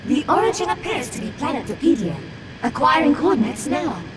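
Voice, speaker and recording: A woman's voice: high voice, very animated, brisk, recorded from a distance, noisy background. A woman playing a precise, formal female spaceship computer in a video game. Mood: calm.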